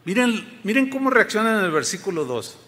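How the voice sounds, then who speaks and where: High, bright-voiced pastor preaching. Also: male voice, sing-song, a little fast. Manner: emphatic, often asks the congregation questions. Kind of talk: sermon. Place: church sanctuary. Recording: long reverb of a large hall.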